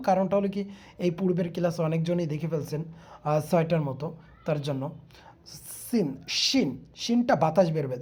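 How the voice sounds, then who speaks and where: A woman teaching an online Quran recitation class, saying letter sounds slowly and quizzing the viewer with repeated questions. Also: fairly low pitch, dark tone.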